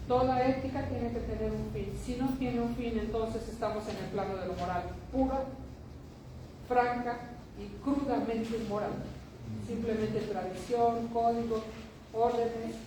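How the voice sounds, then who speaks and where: Older woman lecturing, rhetorical. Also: fairly high pitch. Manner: emphatic, rhetorical questions, repeats phrases for effect. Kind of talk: academic lecture. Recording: noisy echoey room.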